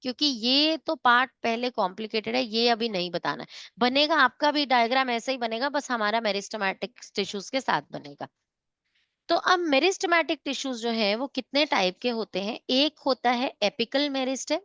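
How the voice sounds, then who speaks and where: High-voiced woman teaching class. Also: animated, moderate pace, bright, forceful tone, clean tone, dry recording, dull audio. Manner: mixes Hindi and English, checks students often. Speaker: science teacher. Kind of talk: online class lecture.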